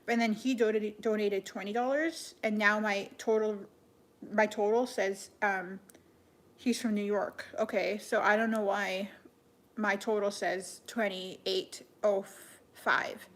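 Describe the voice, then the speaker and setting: A young woman chatting casually on a live stream, answering viewers in an offhand way with many "like" fillers and soft, half-whispered asides. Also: mid-range voice, steady tone, slow pace. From Canada. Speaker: livestreamer.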